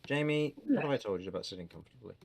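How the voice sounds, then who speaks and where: A man running a tabletop game as storyteller, narrating theatrically and sometimes dropping to hushed tones. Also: mid-range voice, expressive, racing, gravelly, a crowd in the background. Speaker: game master.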